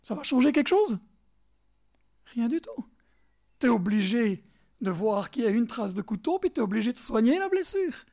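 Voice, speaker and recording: A man with a Bernese Jura French accent preaching a sermon, emphatic and animated, speaking straight to his listeners and sometimes dropping to soft asides. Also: extremely high pitch, normal speed, gravelly. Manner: talks directly to listeners in second person.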